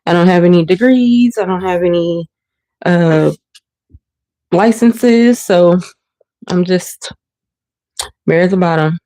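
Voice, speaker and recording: A woman hosts a casual livestream from her home kitchen, recorded on a phone or webcam while she washes dishes. She sounds a bit stuffy and sniffles, rambling with many ums and restarts. Her voice is lowish and mellow, slow-paced with long pauses, and there is no echo.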